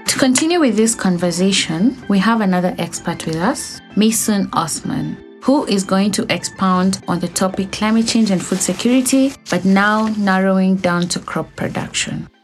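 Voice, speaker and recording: A woman's voice: medium pitch, moderate pace, hardly any pauses, soft background music. A woman, hosting an interview show. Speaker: show host.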